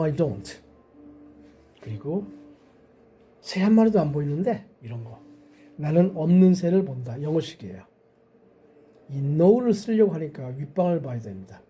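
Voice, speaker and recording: A man teaching English grammar, explaining step by step and slowly drawing out English example sentences. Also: on the high side, mellow, slightly rough. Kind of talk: explaining lesson to parents and teachers.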